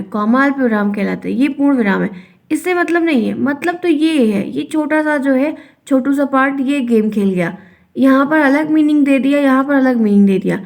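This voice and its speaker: A woman's voice: sits high, a little mellow. A young woman teaching an online Hindi grammar lesson, explaining patiently and repeating key phrases. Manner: explains by repeating, acts out example sentences.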